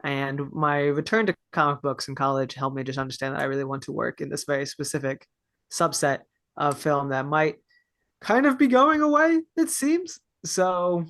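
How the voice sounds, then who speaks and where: A man's voice: a little high, fairly even intonation, moderate pace, a bit bright, dry recording. A man in his early twenties from Texas, answering a podcast interview in a thoughtful, earnest way with a few fillers. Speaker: podcast guest. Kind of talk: casual interview chat.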